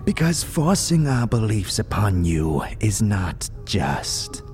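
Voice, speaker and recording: Over background music, a man voices a frail, weary, ancient scribe of an undead order in a fantasy audio drama, solemn, protective and contemptuous. His lowish, slightly mellow, sing-song voice comes out as a breathy, wheezing rattle, delivering archaic formal lines slowly, with phrases trailing into whispers.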